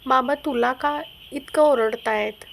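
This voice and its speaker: A woman's voice: sits high, takes it slowly, creaky, slight background noise, full character voice. A woman voicing a small, innocent young girl asking worried questions in a story. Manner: innocent questioning read-aloud dialogue.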